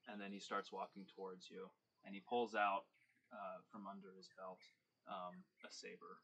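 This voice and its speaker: A man narrating as game master of a tabletop game, easygoing and quick to laugh. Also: sits low, little pitch movement, fairly bright tone, slightly rough. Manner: easygoing, laughs often, filler-heavy.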